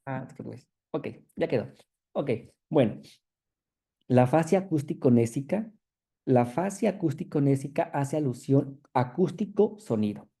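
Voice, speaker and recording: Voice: medium pitch, animated, normal speed, creaky, mellow, breathy edge. A university lecturer, explaining clinical material to students and constantly checking in with a questioning tag after each phrase.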